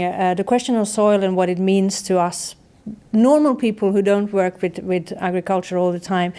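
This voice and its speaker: A woman's voice: lowish voice, mellow, clear, resonant tone. A woman organizing an event, giving friendly, rambling welcome remarks with many fillers.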